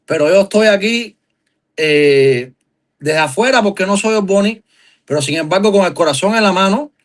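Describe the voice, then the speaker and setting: A Cuban man with a fairly high-pitched voice, talking as a guest on a live stream. He speaks earnestly and with emphasis, stacking up long questions. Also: animated, normal speed. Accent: Cuban Spanish. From Cuba.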